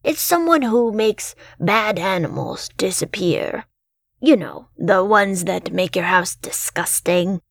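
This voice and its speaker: A woman voicing a sly male street musician who speaks with a foreign accent, gentle and teasing. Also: medium pitch, lively intonation, slow pace, vocal fry, dry recording, clean studio sound, full character voice.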